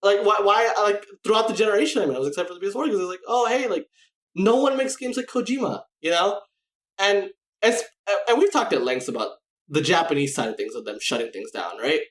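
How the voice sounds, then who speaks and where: A man talks casually on a gaming podcast, his pitch swinging widely as he rambles and restarts his sentences. He keeps asking "right?" and "you know?" as he goes. The room around him sounds echoey. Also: lively intonation, quick pace, a bit bright. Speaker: podcast co-host.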